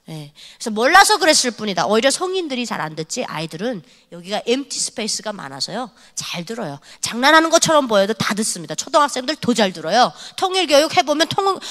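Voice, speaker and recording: A young woman from North Korea giving a lively testimony sermon at a church youth service, scolding and acting out conversations. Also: on the high side, big-room sound. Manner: animated, scolding, acts out dialogue. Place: church hall.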